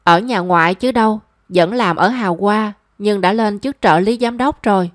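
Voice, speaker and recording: A woman's voice: medium pitch, normal speed, no echo, clean studio sound, lightly acted. A woman voicing a shy, flustered young woman in a story.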